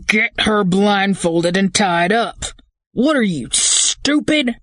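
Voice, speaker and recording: An audiobook narrator voicing a jittery, hot-tempered male gang leader who shouts his orders. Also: a little slow, dry recording, studio quality, lightly acted. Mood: shouting. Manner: shouting, high-strung.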